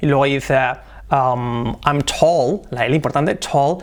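Spanish-accented man teaching pronunciation. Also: mid-range voice. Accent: Spain Spanish. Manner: explanatory, demonstrates English phrases slowly. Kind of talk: video lesson with English examples.

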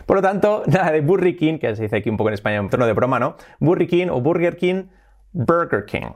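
A man from Spain with a Spanish accent, hosting a casual video lesson, animated and laughing often as he switches between Spanish and English. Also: fairly high pitch, a little fast. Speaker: English teacher, channel host.

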